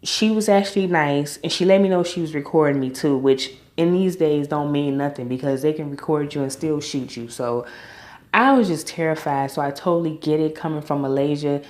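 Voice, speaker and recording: A woman's voice: low voice, a little fast, darkish tone, roomy sound. A woman recapping a reality TV episode in a chatty, opinionated way with informal slang. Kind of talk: casual recap commentary.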